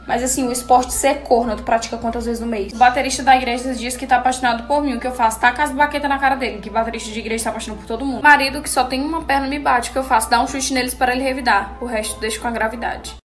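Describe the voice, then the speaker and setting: A woman firing off deadpan punchline answers to advice questions. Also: on the high side, racing, hardly any pauses, soft background music. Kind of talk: quick comic question-and-answer.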